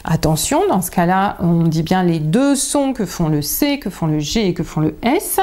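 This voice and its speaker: Chatty teacher woman, mellow voice. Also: lowish voice, animated. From France. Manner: chatty, explanatory, many filler pauses. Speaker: teacher and parenting coach. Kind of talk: informal video lesson to parents.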